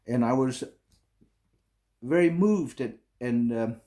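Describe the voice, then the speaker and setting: A middle-aged man from Burma with a Burmese accent, giving a recorded conference talk in halting English full of fillers and restarts. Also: mid-range voice, lively intonation, mellow. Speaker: conference speaker.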